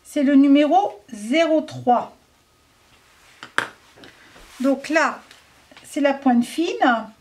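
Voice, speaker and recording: A woman's voice: high voice, expressive, drawn-out words, long pauses, darkish tone. A French woman casually reviewing craft markers, chatty and hesitant, thinking aloud with many fillers.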